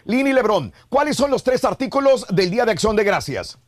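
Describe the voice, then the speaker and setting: Male morning radio host, playful and energetic, animated high delivery. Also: moderate pace, no room sound. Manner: energetic, playful, repeats words. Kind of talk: morning radio show banter.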